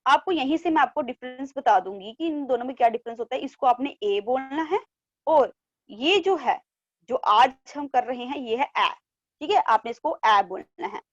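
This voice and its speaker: A woman teacher giving an online class to young children, drawing out syllables slowly and repeating each word twice for them to copy. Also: high voice, lively intonation, dry recording, muffled recording. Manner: coaxing, repeats words in pairs. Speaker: primary school teacher. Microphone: online class from home.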